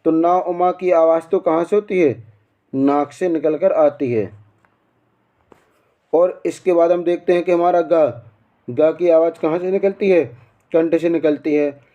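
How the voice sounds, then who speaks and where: Male teacher, high, warm voice; drills students with questions he answers himself. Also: steady tone, unhurried, pauses often. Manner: quizzing, repeats answers, asks and answers own questions. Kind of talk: exam-prep grammar lesson.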